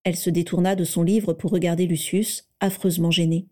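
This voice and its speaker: A woman reading a story aloud in a measured, even narration. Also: on the low side. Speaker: reader.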